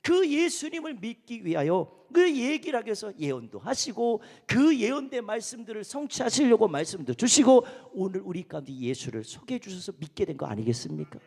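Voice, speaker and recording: A man preaches a Sunday sermon in a strikingly high voice that drops low and quiet, then rises to loud emphatic exclamations. The sound carries the long reverb of a church sanctuary. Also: vocal fry. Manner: animated preaching, swinging between soft murmurs and loud exclamations. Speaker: pastor.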